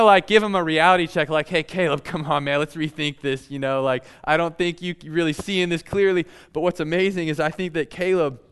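Guy preaching to his church, super casual and chatty, smooth clear voice, kinda high. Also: a bit bright. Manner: casual, conversational preaching with playful asides. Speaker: pastor. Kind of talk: sermon.

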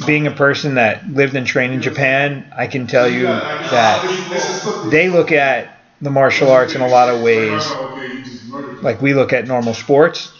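A karate school owner in his forties joins a casual podcast as a guest, blunt and opinionated and swearing now and then. His mid-range voice is unhurried. The audio is lo-fi, with a crowd audible in the background.

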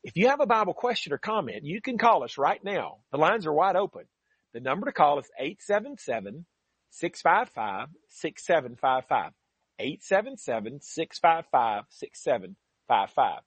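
Husky male radio Bible teacher, earnest and emphatic, lively rising pitch, dry close mic. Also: moderate pace, dry recording. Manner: earnest, emphatic preaching with scripture readings.

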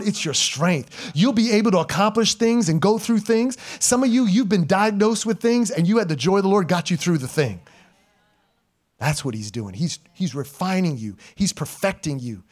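A middle-aged male pastor preaching a sermon in church, moving from loud, emphatic exhortation to quiet, intimate asides, with informal slang. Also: sits high. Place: church sanctuary. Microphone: live stream church mic.

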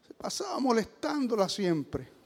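A male pastor preaching emphatically, dropping to quiet asides and rising to loud calls for praise. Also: big pitch swings, a little slow, creaky, husky. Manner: emphatic, swings from low asides to loud exclamations. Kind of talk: sermon. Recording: long hall reverb.

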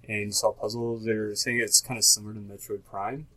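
A man's voice: on the low side, flat delivery, a little fast, pushed and bright. A man in a casual gaming chat who keeps bringing up new titles with easygoing questions.

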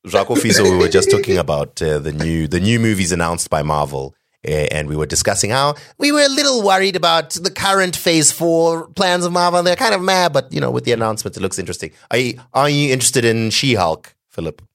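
A man from Zimbabwe hosting a podcast chat, excitable and eager. His voice jumps all over in pitch as he gets worked up. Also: brisk, hardly any pauses. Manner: excitable, lively, enthusiastic. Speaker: podcast host. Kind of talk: casual chat.

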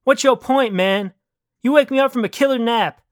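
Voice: mid-range voice, moderate pace, dry recording, studio quality, pitched above the performer's own voice, lightly acted. A reader doing Patty, a slangy laid-back young guy. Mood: grumpy, groggy. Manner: drawling street slang, calls people man and girl. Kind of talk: storybook reading.

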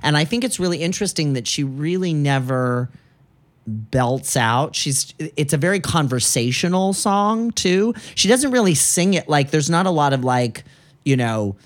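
A man's voice: a little high, lively intonation, normal speed. A man hosting a music podcast, chatting enthusiastically and gushing about songs with lots of casual fillers. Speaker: podcast host.

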